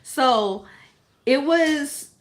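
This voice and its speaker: A woman's voice: high voice, lively intonation, extremely slow. A woman co-hosting a casual live-stream vlog, chatting and laughing often. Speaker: vlog co-host.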